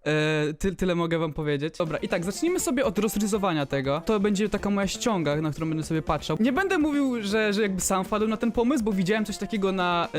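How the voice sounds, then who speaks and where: A young man giving casual gaming commentary, excitable, swearing and laughing often. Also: high-pitched. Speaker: gaming youtuber.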